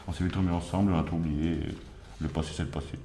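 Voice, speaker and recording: A man playing a defensive young husband, deep voice. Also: steady tone, fast, warm tone, reverberant, slight background noise, natural voice. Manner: hesitant, many fillers. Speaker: suspect. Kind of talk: amateur acted interrogation.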